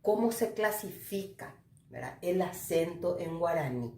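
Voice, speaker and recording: Slow Paraguayan woman teacher lecturing. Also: lowish voice, animated, warm tone, roomy sound. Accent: Paraguayan Spanish. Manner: slow didactic, mixing Spanish and Guarani, tag questions. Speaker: university Guarani teacher. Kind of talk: recorded lecture.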